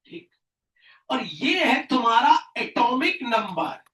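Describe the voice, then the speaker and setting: Male tutor, classroom lesson, self-answering drill style with shouted emphasis, bright voice, distant echoey mic. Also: extremely high pitch, big pitch swings, slow pace. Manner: asks questions and answers them himself, loud bursts of emphasis; mixes English science terms into Hindi.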